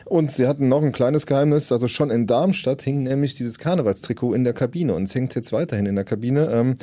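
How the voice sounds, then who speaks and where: A man co-hosting a football podcast, giving casual analysis in a halting way as he searches for words. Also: mid-range voice, mellow. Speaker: podcast co-host and football reporter.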